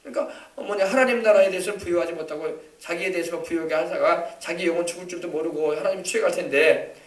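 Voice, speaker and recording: A male pastor preaching an emphatic sermon with call-and-response, now and then bursting into loud scolding rebukes. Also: sits high, fast talker. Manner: emphatic, shouts out scolding rebukes to make a point. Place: church sanctuary. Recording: echoey church hall from a distant mic.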